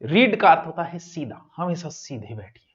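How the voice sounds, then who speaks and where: Animated Hindi coaching teacher, man. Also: fairly high pitch, normal speed, lo-fi sound. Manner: lively, jokey, swings between loud and soft. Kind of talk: exam coaching lecture.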